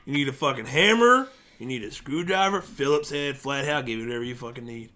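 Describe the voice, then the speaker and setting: A man voicing a pushy, folksy male hardware store clerk with a deep voice and swearing sales patter. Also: animated, quick pace, pushed and bright.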